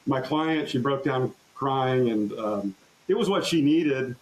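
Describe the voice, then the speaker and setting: A man, a trial lawyer, telling courtroom stories in an earnest, halting way with frequent restarts in a podcast interview. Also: mid-range voice, expressive, rough recording. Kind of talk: conversational storytelling interview.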